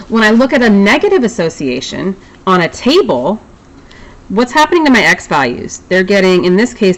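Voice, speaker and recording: A woman's voice: medium pitch, low-quality recording. A woman teaching a recorded math lesson, chatty, with self-deprecating asides.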